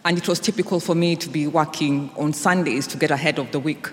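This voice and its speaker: A woman's voice: deep voice, fairly even intonation, a little fast. Kenyan-accented woman, informal church testimony, long hall reverb. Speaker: congregation member giving a testimony. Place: large indoor church or hall.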